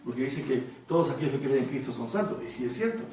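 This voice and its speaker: A man's voice: mid-range voice, lively intonation, fast, darkish tone. A man preaching a Bible study sermon, explaining the text at length and often checking in with rhetorical questions. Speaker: pastor. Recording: echoey room, mic far off.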